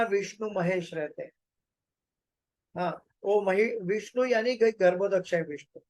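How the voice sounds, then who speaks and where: Slow, high-voiced man lecturing scripture. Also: a little mellow, no room sound, rough recording. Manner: slow explaining with fillers and repeated phrases. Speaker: Bhagavatam lecturer.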